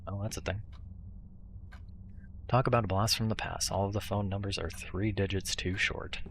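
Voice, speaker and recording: Low gravelly guy playing a horror game, muttering to himself, bit of background noise. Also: steady tone, moderate pace, fairly bright tone. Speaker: video game streamer. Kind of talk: casual horror game commentary.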